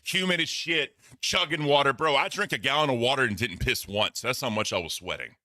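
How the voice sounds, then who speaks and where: A man's voice: mid-range voice, a little fast, dry recording, clean studio sound. A man with a Southern US accent chatting on a livestream, rambling, profane and groggy from the heat. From American South. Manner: rambling, profane, loud outbursts. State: groggy, overheated. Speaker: livestream co-host. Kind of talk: casual livestream chat.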